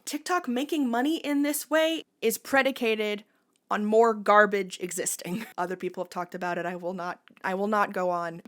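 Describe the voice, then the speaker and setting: A young woman video creator giving sardonic, lively comedic commentary while testing an app, often laughing. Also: fairly high pitch.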